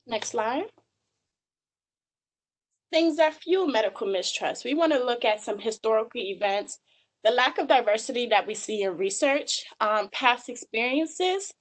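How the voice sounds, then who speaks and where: A woman's voice: a little high, expressive, unhurried, rough recording. A woman in her twenties giving a webinar presentation over slides, earnest and full of filler ums. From Georgia, US. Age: 20s.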